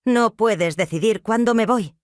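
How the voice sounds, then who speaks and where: A narrator voicing a young stepson who speaks with tense, defiant anger. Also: male voice, high voice, measured pace, dry recording, clean studio sound, voice pushed up.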